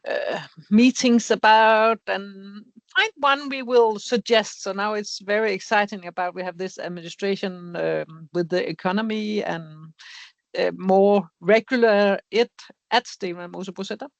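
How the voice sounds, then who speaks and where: Woman, meeting update, hesitant searching speech, dry sound, mid pitch. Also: no room sound. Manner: halting, searching for words in English. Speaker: project partner. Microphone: video call.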